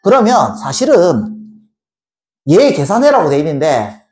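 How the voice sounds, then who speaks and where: A woman's voice: low voice, wildly swooping pitch, a little mellow. Playful woman math teacher. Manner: playful, teasing students with chanted repetitions; addresses students directly with quick questions. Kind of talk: lively classroom lecture.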